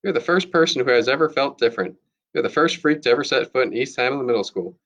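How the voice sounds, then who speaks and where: A man's voice: mid-range voice, expressive, quick pace, a bit bright. Brief: man voicing a mocking middle-school boy, lo-fi. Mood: sarcastic. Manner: sarcastic. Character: sarcastic, blunt boy classmate, middle schooler. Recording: dull lo-fi recording.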